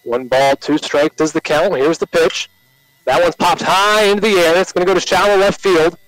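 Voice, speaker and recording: American guy doing radio baseball play by play, slightly high voice, short clipped calls, pretty dry sound. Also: fairly even intonation, normal speed, a bit bright, no echo, faint music behind, low-quality recording.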